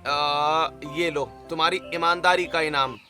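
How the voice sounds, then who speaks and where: A man's voice: fairly high pitch, steady tone, unhurried, over music, natural voice. A man voicing a kind male pizza store owner in a cartoon story who talks in a reassuring way. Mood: kindly.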